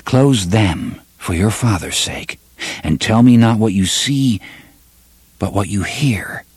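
A man voicing a young man who coaxes a friend in a calm, soothing way, in an audiobook. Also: on the low side, slow pace, slightly rough, no echo, exaggerated voice.

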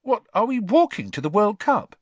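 A man's voice: sits high, very animated, moderate pace, no room sound, pitched above the performer's own voice. A man voicing a curious teenage boy who asks startled questions.

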